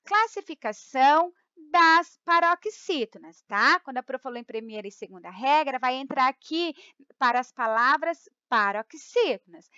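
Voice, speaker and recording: Brazilian woman teacher, high bright voice, smooth, patient repeating, dry dull recording. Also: animated, no room sound. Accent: Brazilian Portuguese. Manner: explains slowly, repeats rules, stretches key words; keeps checking in with "tá?" and "ó". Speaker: Portuguese teacher. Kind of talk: grammar lesson.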